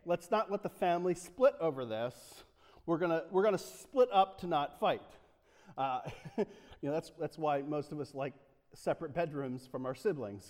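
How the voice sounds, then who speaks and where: A man's voice: fairly high pitch, a little mellow, big-room sound. A man from the United States preaching a casual sermon in a church, joking and chatty, with many fillers and restarts. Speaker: pastor.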